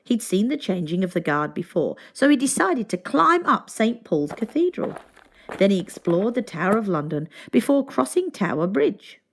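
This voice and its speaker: In a medium-pitched voice, a woman narrates a children's storybook with expressive, deliberate storytelling.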